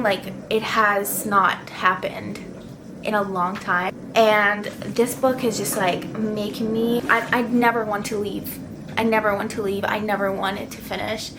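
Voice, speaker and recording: A woman's voice: medium pitch, a bit bright, a little hiss or hum. A young woman vlogging reading updates in a gushing, emotional way, full of casual fillers. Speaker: book vlogger.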